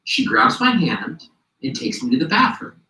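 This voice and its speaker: A man's voice: a little high, normal speed, creaky, roomy sound, recorded from a distance, a little hiss or hum, poor audio. A man being interviewed, casually recounting a memory and acting out what people said. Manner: animated, acts out what people said.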